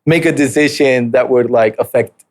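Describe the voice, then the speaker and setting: A podcast guest in his late twenties speaks at a moderate pace in a mid-range, slightly mellow voice. He comes from Mexico and was raised in southern California and Utah. His casual interview storytelling about his life is easygoing and hesitant, with lots of fillers and false starts.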